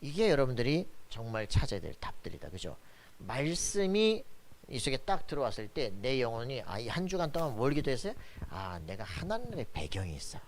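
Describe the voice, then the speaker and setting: A man's voice: mid-range voice, sing-song, a little fast, a little hiss or hum. A man preaching a sermon as pastor, emphatic and colloquial, often asking his congregation for agreement. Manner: emphatic preaching with frequent "그죠?" tag questions; colloquial, blunt asides.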